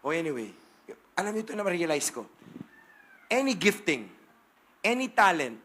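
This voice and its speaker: Bright high-voiced man preaching. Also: sing-song, normal speed. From Philippines. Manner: humorous, playful storytelling with bursts of shouting. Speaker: pastor. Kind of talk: testimony sermon.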